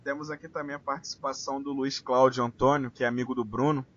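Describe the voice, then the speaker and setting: Bright-voiced man hosting a fan chat. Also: medium pitch, fast talker. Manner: relaxed, conversational, frequent tag questions. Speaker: podcast host. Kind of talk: casual football chat, reading listener messages. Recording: dull lo-fi sound with faint hiss.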